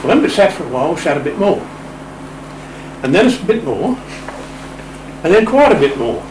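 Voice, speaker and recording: An older Australian man speaks in a slightly high, sing-song voice, a little fast, as he recounts a casual anecdote during an interview. His humor is wry, playful and understated. The sound is roomy, captured by a distant mic in a radio shack room with clear background noise.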